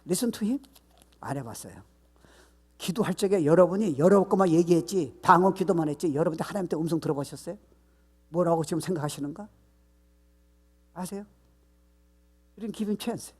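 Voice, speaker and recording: A man preaching a Sunday sermon as pastor, mixing in English phrases and building to loud, emphatic repeated questions. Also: a little high, normal speed, long pauses, slightly rough. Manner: switches between Korean and English, rising to loud emphatic shouts.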